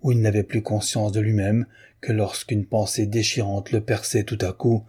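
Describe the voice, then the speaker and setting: Low, dark husky male narrator. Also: little pitch movement. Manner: measured, literary. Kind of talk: audiobook narration of a novel.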